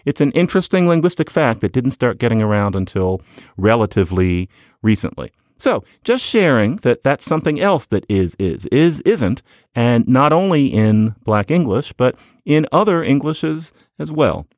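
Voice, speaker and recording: Lively man explaining on a podcast. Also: medium pitch, moderate pace, no echo, clean studio sound. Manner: lively, wry, conversational lecturing. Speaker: podcast host.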